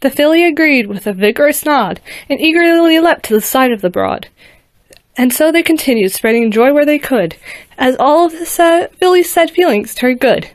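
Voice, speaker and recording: A woman with a high, expressive voice casually reads a rhyming fan fiction story aloud, sometimes stumbling and restarting a word. There's no room sound.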